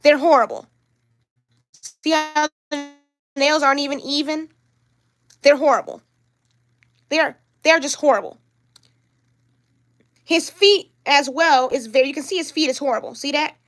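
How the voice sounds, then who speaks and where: Brief: young woman, high voice, upset rambling livestream vlogger. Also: a little slow, long pauses, a bit bright. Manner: upset, rambling, repeats herself. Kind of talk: livestream vlog talk.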